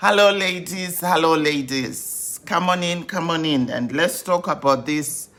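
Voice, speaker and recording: A woman in her fifties, a grief coach hosting a live stream, welcoming viewers over and over in an unhurried way with many fillers. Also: low voice, fairly bright tone. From Zimbabwe.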